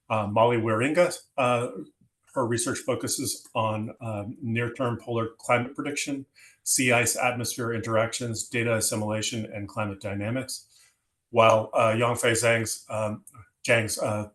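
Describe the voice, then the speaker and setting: A man hosting a scientific meeting, introducing speakers semi-formally in a halting, hesitant way. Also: mid-range voice, a bit bright.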